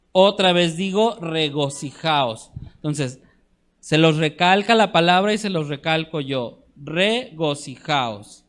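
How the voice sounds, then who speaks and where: A man teaching a church discipleship class, earnest, often checking in with his listeners and slowing down to stress scripture. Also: high-pitched, a bit bright.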